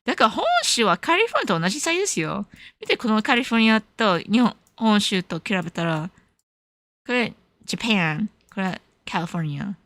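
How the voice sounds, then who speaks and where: A woman's voice: mid-range voice, sing-song, a little fast, a bit bright, no room sound. A young woman from California, chatting casually as a stream host, switching between Japanese and English and laughing often. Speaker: livestream host. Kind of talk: casual chat answering viewers.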